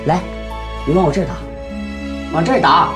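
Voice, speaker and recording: A man's voice: a little high, lively intonation, fairly quick, lightly acted. Man playing a grumpy old village grandpa, blustering, music in the background. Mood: taunting. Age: older. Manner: loud, scolding, blustering. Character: bossy stubborn village grandfather, quick-tempered.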